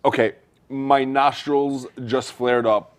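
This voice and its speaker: A man's voice: mid-range voice, takes it slowly, clear, resonant tone. A man hosting a talk show set in a restaurant, teasing his guest in a playful way. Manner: teasing, lively. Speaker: host.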